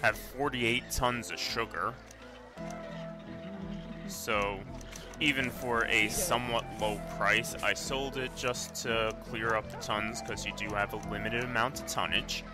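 Low-voiced man rambling over game music. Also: fairly even intonation, measured pace. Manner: rambling, self-correcting, offhand. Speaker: let's play commentator. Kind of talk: casual gameplay commentary.

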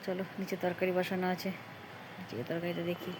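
A woman's voice: lowish voice, completely flat delivery, fairly quick, background noise. A woman in her thirties chatting casually to viewers as she cooks and tidies at home, recorded on a phone camera. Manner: chatty, homely, addresses viewers as friends. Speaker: home vlogger. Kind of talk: casual daily-life vlog narration. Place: home kitchen and rooftop.

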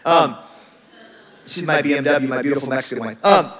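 Man, middle-aged, pastor, lively joking sermon, bright voice, roomy church echo. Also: medium pitch, a little fast. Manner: animated, joking, acts out sarcastic voices. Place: church sanctuary.

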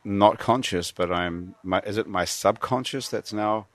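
A man's voice: on the low side, measured pace. A man hosting a podcast, chatting casually, teasing his guest and swearing now and then. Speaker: podcast host.

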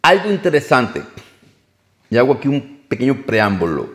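A man's voice: medium pitch, very animated, moderate pace. A man preaching a sermon, emphatic, often repeating and correcting his phrases as he goes.

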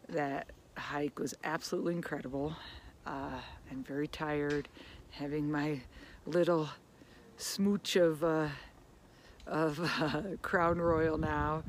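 A woman's voice: deep voice, slight background noise. A woman in her fifties chatting casually to her phone camera while camping in a van, laughing often. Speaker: vlogger. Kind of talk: casual travel vlog. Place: camp van and forest campsite. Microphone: phone at arm's length.

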